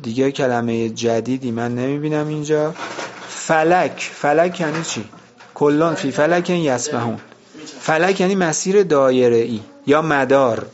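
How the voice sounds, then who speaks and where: A man's voice: fairly high pitch, highs cut off. A man teaching a vocabulary lesson, explaining words one by one and asking and answering his own questions.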